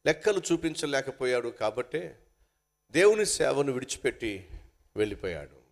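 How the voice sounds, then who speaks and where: A man's voice: mid-range voice, big pitch swings, normal speed, gravelly. Earnest man preaching with acted outbursts. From India. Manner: acts out angry quarrels in raised voices; earnest, addresses listeners as sisters and brothers. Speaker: pastor. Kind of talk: sermon.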